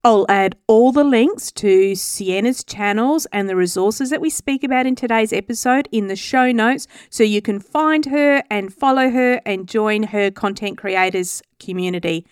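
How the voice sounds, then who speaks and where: A woman's voice: medium pitch, normal speed, hardly any pauses, clean tone, no room sound, clean studio sound. A woman introducing a podcast episode and its guest as host, speaking with a smile in her voice. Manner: smiling as she speaks.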